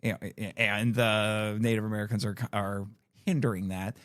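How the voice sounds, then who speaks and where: A man's voice: lowish voice, level tone, moderate pace, a bit bright, clear, resonant tone, no room sound, studio quality. A man hosting a casual film discussion, explaining things in a rambling way and backtracking mid-thought. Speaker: film podcast host.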